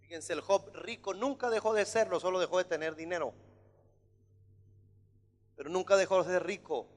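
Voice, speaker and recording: A man preaching a sermon as pastor, emphatic and at times shouting. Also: sits high, moderate pace. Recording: long hall reverb.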